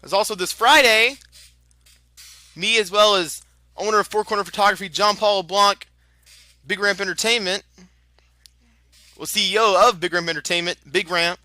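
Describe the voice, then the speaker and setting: Chatty and prone to exclamations, this lucha libre announcer mixes match play-by-play with promo plugs in a high-pitched, sharply bright voice. His tone stays steady at a normal speed with long pauses, and the close, dry recording has no echo.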